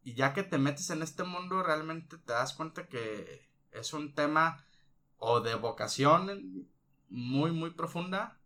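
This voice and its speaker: A Mexican man chatting as a guest on a podcast, a teacher by trade. His voice sits a little high and sounds bright and forward. He talks loosely, full of slang and swearing, and tags his points with "no?". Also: animated, slow. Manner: slangy and salty, with frequent "no?" tags. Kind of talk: casual chat.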